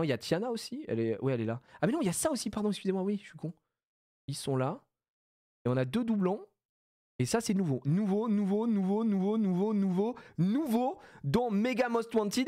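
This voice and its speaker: A high-pitched French man commentating a game live on stream. He chats loosely with lots of fillers and breaks into loud, gleeful shouting when something good happens. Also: no room sound, clean studio sound. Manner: excitable, shouts with joy at big pulls; loose casual chat with fillers.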